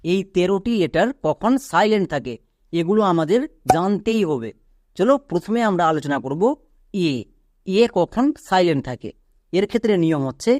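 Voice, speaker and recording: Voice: mid-range voice, a little mellow, no room sound, studio quality. A patient teacher explaining English pronunciation rules step by step, spelling words letter by letter and often putting questions to the learner. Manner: patient, repetitive, asks the listener questions. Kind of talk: spelling-out classroom lesson.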